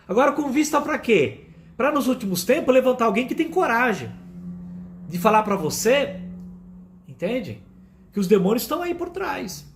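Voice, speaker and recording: A male pastor with a Brazilian accent delivers a sermon in a high, lively voice. His pitch leaps around as he stresses his points, repeating phrases for emphasis. He keeps turning to the congregation with fond direct address. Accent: Brazilian Portuguese. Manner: emphatic, repetitive, addresses listeners as "amados".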